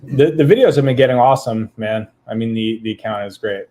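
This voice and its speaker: A man's voice: medium pitch, a little fast, mellow. A man hosting a casual podcast, upbeat as he reads out live comments and thanks listeners. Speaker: podcast host.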